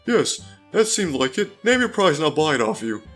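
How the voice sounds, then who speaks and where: A man's voice: on the high side, sing-song, normal speed, a bit bright, soft background music. A man voicing a tired male baker who haggles in a businesslike, accommodating way while he reads a game aloud.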